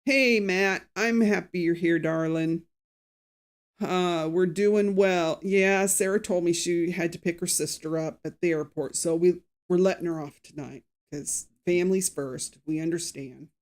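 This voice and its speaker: A true crime show host gives a casual live recap, chatty and opinionated, greeting viewers by name and reading quotes aloud with acted emphasis. The voice is medium-pitched, steady, and unhurried.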